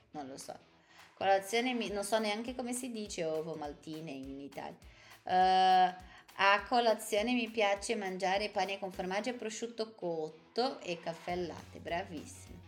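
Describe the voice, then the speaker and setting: A woman teaching a language lesson live, drawing out her words at a slow, careful pace. She repeats each word distinctly for her learners and slips into chatty, joking asides to the audience. Faint music plays softly behind her. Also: mid-range voice. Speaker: Italian teacher. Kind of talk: live online language lesson, reading viewer comments.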